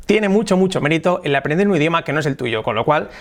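A man with a Spain Spanish accent teaches English pronunciation in a video lesson. His voice sits a little high for a man, and he slows down to model English phrases. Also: animated. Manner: explanatory, demonstrates English phrases slowly.

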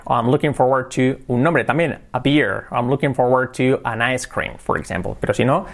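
A man runs a casual English lesson, voice pitched in the middle for a man. He switches between explanations and slow, deliberate English phrases, repeating each one to drill the pronunciation. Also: gravelly. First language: Spanish. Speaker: English teacher.

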